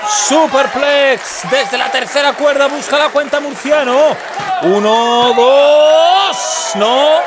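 Spanish guy from spain doing wrestling commentary, yelling emphatically, super loud crowd all around. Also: very high voice, fairly even intonation, takes it slowly. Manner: shouting, emphatic. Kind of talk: excited live wrestling play-by-play commentary. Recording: noisy event hall with loud crowd.

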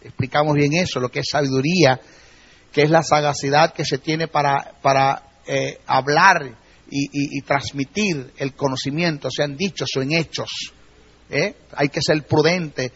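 A man with a fairly high, husky voice teaches a church class as a Bible teacher. He is emphatic and keeps checking in with his listeners, on a muffled, lo-fi recording. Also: steady tone, a little slow, a bit bright. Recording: dull lo-fi recording.

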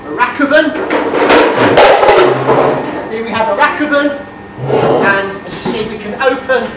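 A man's voice: extremely high pitch, a little slow, loud music behind the voice. Man giving a tour in an echoey bakery. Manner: explanatory, hesitant with fillers and restarts. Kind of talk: guided tour talk. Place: large industrial bakery kitchen, indoors. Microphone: camera mic from a distance. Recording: echoey kitchen, distant mic, noisy.

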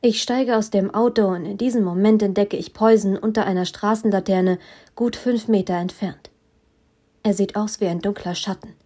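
A woman reads a first-person novel aloud as an audiobook. Her tone is mellow and warm, and her storytelling stays steady and measured. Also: mid-range voice. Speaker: audiobook reader.

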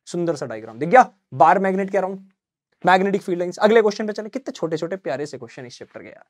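A man teaching an exam-prep lesson, slowly dictating English answers and explaining in chatty Hindi. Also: high-pitched, expressive, dry recording, clean studio sound.

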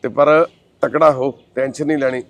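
A man's voice: mid-range voice, steady tone, no room sound. A man speaking as a social worker, comforting a family and addressing his viewers with reassuring, fatherly words. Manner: warm, reassuring, calls others son and sister; recites prayer in a slow chanting voice. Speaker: social worker hosting the channel. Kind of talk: comforting talk and appeal to viewers.

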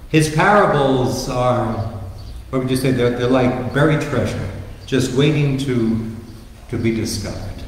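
A priest reads scripture and preaches, leaning into stories and rhetorical questions. His pitch is middling. The sound carries a long church reverb and a faint room hum. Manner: storytelling, emphatic with rhetorical questions. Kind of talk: sermon. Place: large church. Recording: echoey church hall with reverb.

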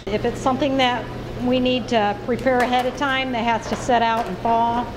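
A Midwestern woman with a somewhat high voice explains her kitchen work in a practical, matter-of-fact way. Background noise runs steadily under the interview. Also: little pitch movement, normal speed. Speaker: school cafeteria worker. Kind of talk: interview answers.

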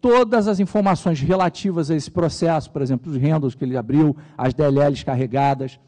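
A middle-aged man from Rio de Janeiro with a Carioca accent gives a technical conference talk on stage, relaxed and jokey, asking and answering his own questions. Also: on the high side, a little fast. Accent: Carioca Brazilian Portuguese. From Rio de Janeiro, Brazil. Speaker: conference speaker. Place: large conference hall stage. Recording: reverberant large hall.

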